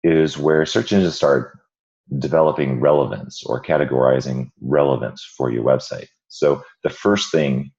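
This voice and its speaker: A man hosting an informal online tutorial, explaining in a halting way with a hoarse, croaky frog voice from a cold. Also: rumbling low, a little mellow, muffled recording. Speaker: webinar host and instructor. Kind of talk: informal screen-share tutorial.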